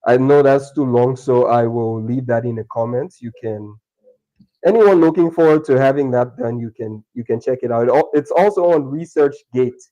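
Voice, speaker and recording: A man's voice: mid-range voice, warm tone, low-quality recording. A young man from Liberia, a guest talking over a video call, chatty and full of restarts. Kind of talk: remote interview conversation.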